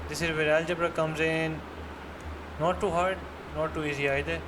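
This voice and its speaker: A man's voice: fairly high pitch, level tone, normal speed. A man with a Pakistani accent giving an interactive one-to-one maths lesson online, encouraging and leading step by step with questions. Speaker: maths tutor. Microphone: computer mic on online screen-share call. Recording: noisy online lesson audio, background hum.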